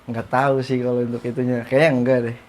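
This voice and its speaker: A man's voice: mid-range voice, flat delivery, fast, darkish tone. Easygoing man giving brief replies. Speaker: guest. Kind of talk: casual interview chat.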